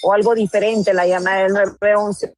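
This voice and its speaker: A woman's voice: medium pitch, flat delivery, normal speed, darkish tone, no echo. Polite woman asking a question. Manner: polite, hesitant. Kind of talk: casual question.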